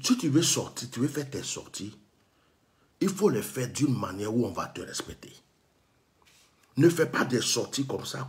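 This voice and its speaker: A man from Côte d'Ivoire with an Ivorian French accent, telling a story and delivering an impassioned, scolding monologue that acts out bits of dialogue. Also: mid-range voice.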